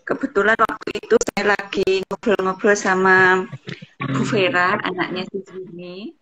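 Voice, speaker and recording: A woman from Central Java, a teacher and guest, slowly recounting a personal experience over a video call whose audio keeps glitching and dropping out. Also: mid-range voice, level tone, pushed and bright, low-quality recording. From Central Java, Indonesia. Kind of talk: recounting a personal experience in an online chat show.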